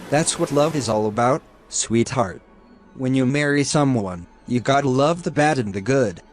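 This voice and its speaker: A man voicing a shaken detective father confessing gently to his young son. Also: medium pitch, lightly acted.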